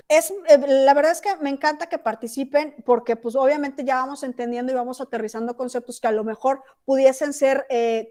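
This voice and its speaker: A woman's voice: sits high, a little mellow. A woman teacher with a Mexican accent giving an online class on a video call, chatty and often checking that the students are following. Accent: Mexican Spanish. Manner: chatty, asks checking questions.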